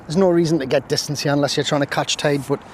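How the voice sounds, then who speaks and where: A man's voice: fairly high pitch, fairly even intonation, fast talker. A man chatting casually to camera while fishing outdoors on a windy riverbank, full of jokey, self-mocking asides. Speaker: angling vlogger. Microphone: camera on a stand, at times stepping away.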